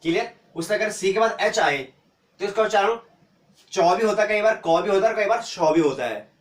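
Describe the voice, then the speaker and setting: A man teaching an English pronunciation lesson, spelling out letters slowly and asking and answering his own questions. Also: high voice, lively intonation, far from the mic. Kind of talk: classroom-style phonics lesson. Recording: echoey room, voice from off-mic.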